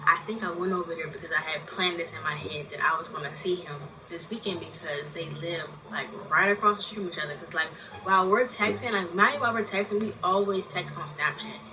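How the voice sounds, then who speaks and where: A woman's voice: fairly low pitch, fast talker. A woman of twenty telling a personal story in a casual vlog, rambling and chatty with constant fillers and casual swearing. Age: 20s. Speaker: story time vlogger. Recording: distant mic with noisy background.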